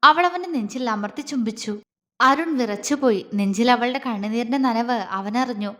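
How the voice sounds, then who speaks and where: A woman narrating a romance audio series with a steady, expressive reading. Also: a little high, normal speed. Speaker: storyteller. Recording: long hall reverb.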